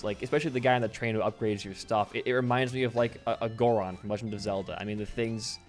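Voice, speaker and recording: A teenage man co-hosts a casual podcast, chatty and laughing easily. His pitch sits mid-range and his sentences trail off softly. Faint music plays under the talk. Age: teens. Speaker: podcast co-host.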